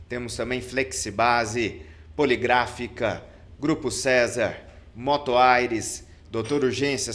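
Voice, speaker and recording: A man's voice: mid-range voice, fairly bright tone. A man hosting a business podcast interview, with an upbeat, announcer-like delivery. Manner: upbeat announcer-like delivery, reads sponsor list. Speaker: podcast host.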